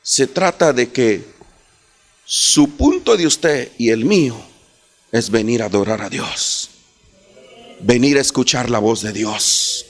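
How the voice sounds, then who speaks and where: Male pastor, gravelly and high, unhurried, impassioned sermon delivery. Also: expressive. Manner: impassioned preaching, voice rising to near-shouts. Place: church.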